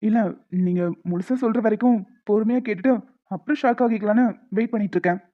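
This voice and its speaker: A woman's voice: fairly high pitch, fast talker, close to an everyday voice. A woman voicing a calculating young man who speaks in dry, sardonic lines in a cartoon. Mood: cold. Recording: tinny phone-like dry recording.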